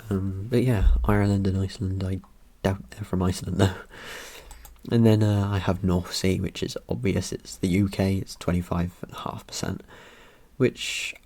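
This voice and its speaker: A man's voice: sits low, steady tone, moderate pace, gravelly, dark tone. A young man chatting casually about his ancestry results, rambling and joking with lots of ums and uhs. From Britain. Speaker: vlogger. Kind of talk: casual commentary over results.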